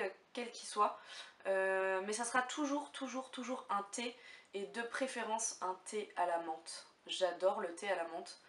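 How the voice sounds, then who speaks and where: A woman's voice: medium pitch, fairly bright tone. A young woman vlogging casually to camera, chatty and hesitant, with lots of fillers. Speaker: beauty vlogger. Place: room at home. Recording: echoey room, mic far off, faint hiss.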